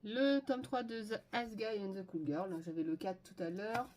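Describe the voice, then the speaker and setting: A woman's voice: mid-range voice, expressive, moderate pace, a little mellow, a little hiss or hum. A woman chatting casually and enthusiastically as she lists purchases in a haul video, with frequent fillers. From France. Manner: enthusiastic, listing items with many fillers. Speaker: manga haul vlogger.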